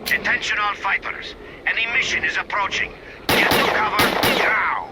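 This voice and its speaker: A stern officer over a loudspeaker. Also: male voice, high-pitched, moderate pace, very noisy. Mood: urgent. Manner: urgent, clipped commands. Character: stern male faction officer warning fighters. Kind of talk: video game voice acting.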